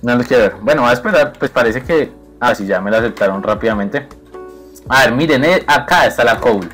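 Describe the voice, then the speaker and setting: A young man giving excited, playful commentary over his own gameplay, teasing his opponent and laughing often. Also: mid-range voice, fairly quick, faint music behind. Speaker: gaming video creator.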